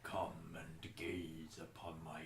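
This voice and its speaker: A man voicing a huge, imperious red dragon in a tabletop game, booming yet breathy, grand and beckoning. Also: level tone, takes it slowly, distant mic, crowd noise. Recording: echoey room, clear background noise.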